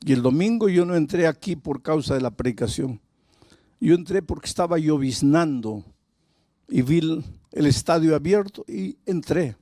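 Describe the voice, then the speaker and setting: A man's voice: a little high, animated, moderate pace, mellow, no room sound, clean studio sound, close to an everyday voice. A pastor retelling a guilt-ridden former drunk man. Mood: remorseful. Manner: confessional, heavy with guilt. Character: grieving middle-aged man, remorseful former drunk.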